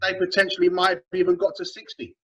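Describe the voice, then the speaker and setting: A man's voice: high-pitched, fast talker, breathy edge. A man chatting casually about basketball on a podcast, repeating words as he goes. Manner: stumbling, repeats words, animated. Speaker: podcast panelist. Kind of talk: casual sports chat. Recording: dull lo-fi sound.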